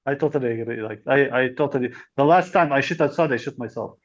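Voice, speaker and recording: A young man co-hosting a comedy podcast, talking in halting, rambling bits and laughing often. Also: mid-range voice, no room sound. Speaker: podcast co-host. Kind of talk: casual comedy podcast chat. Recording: dry, dull lo-fi sound.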